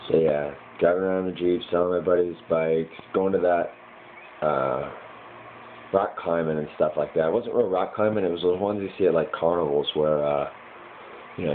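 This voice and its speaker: Low-pitched American male, casually piecing dreams together in a hazy, puzzled ramble, on a muffled lo-fi recording. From United States, Michigan. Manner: hazy, puzzled, groping to remember. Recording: muffled lo-fi with clear background noise.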